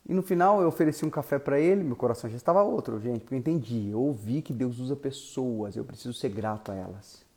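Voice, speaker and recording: A male pastor, telling a story in an animated sermon that swings from loud to soft. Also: mid-range voice, fast talker, hardly any pauses.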